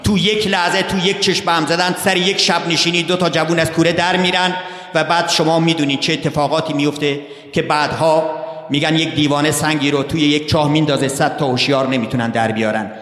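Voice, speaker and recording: A man preaching to a gathering in a slightly higher register. He poses rhetorical questions, answers them himself, and calls his listeners brothers and sisters. His voice rings through a roomy hall with a long, trailing reverb. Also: fairly even intonation, a bit bright. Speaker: religious speaker. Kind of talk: sermon.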